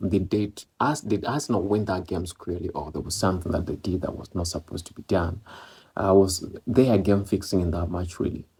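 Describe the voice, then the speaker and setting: This man from East Africa speaks briskly in a low-pitched, warm voice with a gravelly, husky quality. A football vlogger whose first language is Swahili or Maloko, he talks casually in English about a match, rambling with many fillers and repeats.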